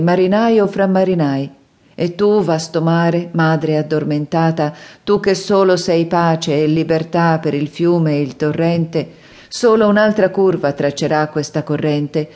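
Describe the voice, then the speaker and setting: A woman voicing a male prophet's inner speech in an audiobook, solemn and measured. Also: low-pitched, mellow. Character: male prophet, solemn and wistful, departing a city.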